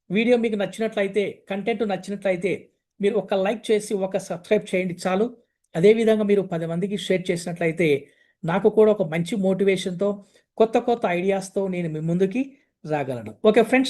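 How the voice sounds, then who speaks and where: A man teaching a spoken language lesson. He explains patiently and says each example phrase slowly and clearly, then repeats it. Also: high voice, warm tone. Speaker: English teacher.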